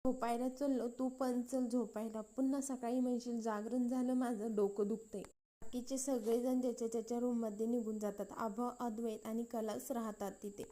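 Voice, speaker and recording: A woman's voice: a little high, little pitch movement, moderate pace, few pauses, mellow. A woman with a Marathi accent retelling a serial episode, quoting each character's lines in turn. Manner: retells scenes with quoted dialogue, "so-and-so says". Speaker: storyteller recapping a TV serial.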